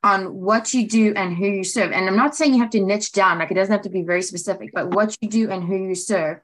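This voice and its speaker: A woman's voice: mid-range voice, steady tone, fairly quick, rough recording. A woman with an American accent co-hosting a casual talk for writers, upbeat and affirming, with many casual fillers. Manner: upbeat, affirming, uses 'like' often. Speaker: co-host, director of training. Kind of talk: casual conversational chat.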